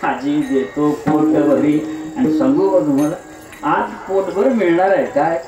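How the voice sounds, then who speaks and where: In an echoey hall with the mic at a distance and music playing behind, a man with a fairly high voice preaches a devotional kirtan sermon at an unhurried pace. He poses rhetorical questions and answers them himself using wordplay.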